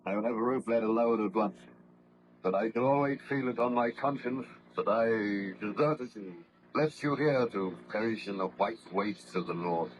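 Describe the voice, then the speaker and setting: An actor playing a grave, dutiful ship's captain in formal, earnest old-time radio drama style. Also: male voice, fairly low pitch, moderate pace, lo-fi sound, close to an everyday voice. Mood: reluctant, grave. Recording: noisy vintage radio drama recording.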